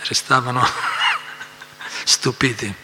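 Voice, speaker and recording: A man explaining a scripture reading at a devotional class, telling the story in an animated way with asides and repetitions. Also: medium pitch, very slow, long reverb tail, a little hiss or hum.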